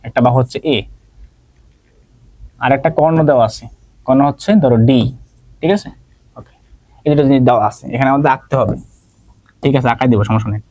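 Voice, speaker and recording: Chatty Bangladeshi math teacher, dry close mic. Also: male voice, medium pitch, fast talker, pauses often, dark tone, no room sound. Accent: Bangladeshi Bengali. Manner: checks in constantly with "ঠিক আছে?", asks and answers own questions; jokes with students by name. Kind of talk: online class lecture.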